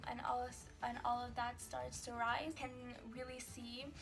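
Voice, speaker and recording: A woman from Pakistan giving an informal book review, with frequent fillers and pauses. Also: on the high side. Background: background music.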